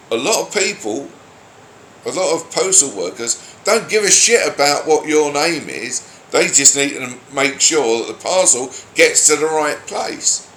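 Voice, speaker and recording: A man's voice: mid-range voice, fairly bright tone. A grumpy man giving a blunt, sweary, exasperated opinion rant, speaking off the cuff. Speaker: online commentator giving opinions. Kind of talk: opinionated solo rant, unscripted. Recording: roomy echo, faint background noise.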